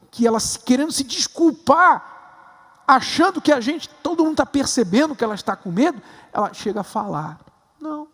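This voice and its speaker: Emphatic Brazilian preacher man, high voice. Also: husky, big-room sound. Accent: Brazilian Portuguese. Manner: emphatic, rising to stressed high points. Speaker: bishop. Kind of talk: sermon. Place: large temple hall.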